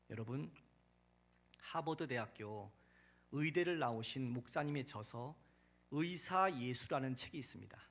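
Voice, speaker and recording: A man preaching a sermon in a church in a high, bright voice. His pitch swings widely as he tells a story with dramatic emphasis. He climbs to loud, emphatic peaks and lets his sentence endings fall away soft. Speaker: pastor.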